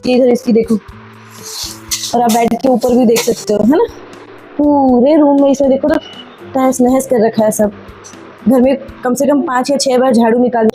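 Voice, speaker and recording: A woman's voice: high voice, steady tone, normal speed, pauses often, mellow, soft background music, low-quality recording. A young woman from Rajasthan, chatting casually to viewers at home in a daily-life vlog. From Rajasthan, India. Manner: chatty, rambling, talks straight to viewers. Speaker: vlogger and mother. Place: at home, indoors.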